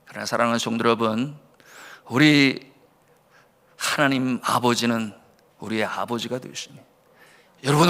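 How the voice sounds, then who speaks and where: A man's voice: fairly high pitch, a bit bright. A middle-aged male pastor preaching a sermon with earnest emphasis and rhetorical questions to his congregation. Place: church sanctuary. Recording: long church reverb.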